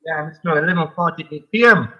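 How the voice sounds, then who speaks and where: A man's voice: on the high side, brisk. A man calling in to a radio talk show, chatting eagerly about cricket and often repeating himself. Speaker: caller. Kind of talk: phone-in chat about cricket. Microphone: phone line. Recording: lo-fi phone line.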